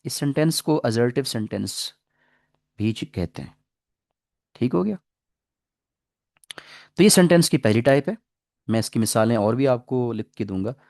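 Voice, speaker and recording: A man teaching English grammar in a classroom lecture, explaining patiently, reading English example sentences slowly and asking the class questions. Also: medium pitch, expressive, vocal fry, darkish tone, no room sound, studio quality. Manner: asks the class questions and repeats answers.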